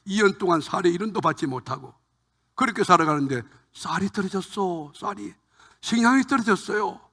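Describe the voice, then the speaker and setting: Older pastor preaching in an echoey church. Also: male voice, high-pitched, lively intonation, a little fast, a bit bright. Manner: dramatic storytelling testimony. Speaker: retired senior pastor. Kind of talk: sermon. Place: large church sanctuary.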